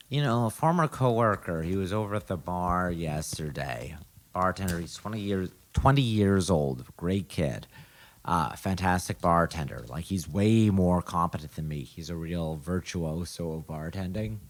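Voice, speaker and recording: Deep-voiced laid-back man in his thirties. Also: unhurried. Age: 30s. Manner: laid-back storytelling, agreeable. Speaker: podcast co-host. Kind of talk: casual chat.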